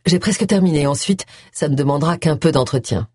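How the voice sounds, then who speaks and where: Reader doing a quiet ex-army major in an audiobook, short plain answers, dry sound. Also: mid-range voice, a little fast, slightly rough, no echo, close to an everyday voice. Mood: understated. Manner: brief, understated answers. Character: quiet wounded male ex-army major, modest.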